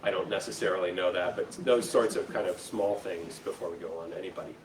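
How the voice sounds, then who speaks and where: Speaking fast in a deep voice, an American man gives a casual educational talk to an audience in a school room, chatting with listeners and checking in with "right?" and "okay?" like a lecturer. The recording sounds roomy and echoey, with a distant mic and faint noise.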